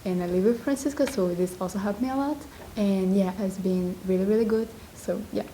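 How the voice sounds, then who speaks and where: A teenage exchange student from Brazil, chatty and upbeat. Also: female voice, medium pitch, brisk, dark tone, a little hiss or hum, rough recording. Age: late teens.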